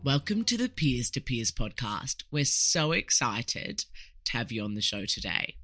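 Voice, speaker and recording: Enthusiastic podcast host, bright voice, dry booth sound. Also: medium pitch, sing-song, measured pace, no room sound, faint music behind. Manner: gushing, enthusiastic, many "you know" fillers. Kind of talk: upbeat interview hosting.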